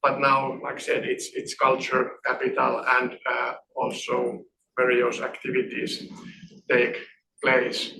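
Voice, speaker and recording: A middle-aged man from northern Finland lectures at a seminar, his voice gravelly and bright. He talks haltingly, restarting his words. The sound is echoey and distant, picked up across a lecture room. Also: medium pitch, monotone, a little hiss or hum. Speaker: guest lecturer. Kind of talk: academic seminar talk. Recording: echoey hall from far off.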